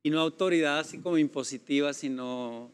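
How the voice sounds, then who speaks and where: A man telling stories in a lively way during a casual Bible discussion. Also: fairly high pitch, a little fast, smooth. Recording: long reverb.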